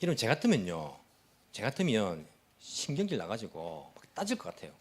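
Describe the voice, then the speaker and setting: A man's voice: lowish voice, brisk, husky. A male pastor preaching a sermon, asking the congregation questions and acting out quoted speech. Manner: animated, acts out quoted speech.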